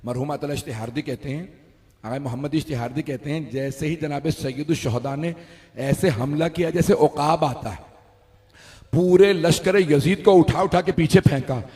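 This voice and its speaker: A man giving a mourning sermon at a religious gathering. He tells the story slowly, then breaks into loud, sung and shouted lament. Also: fairly high pitch. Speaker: Shia majlis speaker. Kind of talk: mourning sermon, rising to wailing chant. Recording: hall with long reverb.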